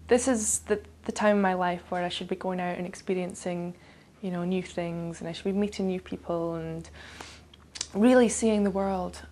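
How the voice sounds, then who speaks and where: A young woman with a slightly low-pitched voice speaks as a vox pop interviewee. Her style is casual and conversational. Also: steady tone, moderate pace, mellow.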